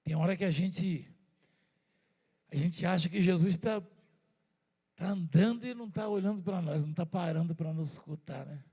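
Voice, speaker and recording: A man's voice: high voice, moderate pace, pauses often, dark tone, breathy edge. A man with a Brazilian Portuguese accent preaching a sermon in a conversational way, with rhetorical questions and repeated words.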